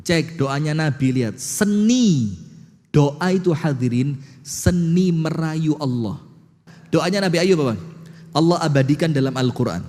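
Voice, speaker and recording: A man preaching a sermon, telling a story rhetorical questions to the audience and slowly chanting verses. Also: a little high, animated, a little mellow, big-room sound.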